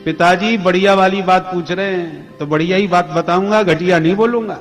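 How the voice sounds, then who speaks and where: Guy doing a calm little devotee boy, respectful, roomy hall echo. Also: high-pitched, brisk, natural voice. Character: devout young boy, calm and confident. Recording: reverberant hall with music.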